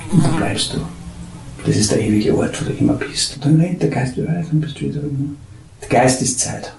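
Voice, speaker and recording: Casual: guy rambling about spirituality, kinda gravelly, lots of trailing off, echoey room. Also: mid-range voice, slight background noise. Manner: halting, searching for words, drifts from soft murmurs to animated bursts. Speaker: spiritual teacher. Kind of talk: meandering spiritual talk. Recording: echoey room with faint ambience.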